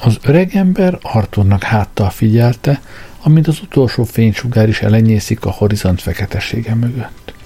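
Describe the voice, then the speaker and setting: Low gravelly male narrator. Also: dark tone. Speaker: audiobook narrator. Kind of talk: scripted narration. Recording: faint background music.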